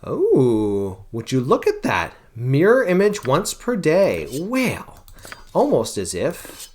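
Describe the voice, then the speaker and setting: A man playing through a story game, reading the narration aloud and commenting in a relaxed way, thinking aloud with fillers. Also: a little high, takes it slowly, a little hiss or hum. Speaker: let's player.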